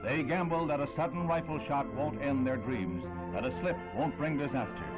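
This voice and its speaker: A man's voice: fairly high pitch, moderate pace. A man narrating an old newsreel in a solemn, emphatic, dramatic way. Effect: old newsreel sound. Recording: tinny old newsreel audio with music.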